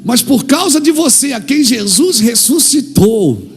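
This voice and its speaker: A man with a Brazilian Portuguese accent preaching an impassioned church sermon, acting out little dialogues and building to shouted climaxes. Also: very high-pitched, sing-song, a little slow, faint music behind.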